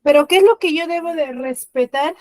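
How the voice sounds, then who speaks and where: A woman teacher giving an online class, quizzing her students and slowing down to stress key words. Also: high-pitched, a little mellow, dry recording. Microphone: computer mic on a video call.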